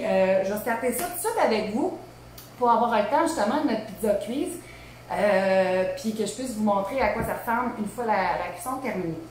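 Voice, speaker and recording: A woman in her thirties with a Québécois accent, hosting a casual live cooking demo from her home kitchen, chatty and informal with many asides. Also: mid-range voice. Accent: Québécois French. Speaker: cooking show host. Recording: very echoey room, faint hum.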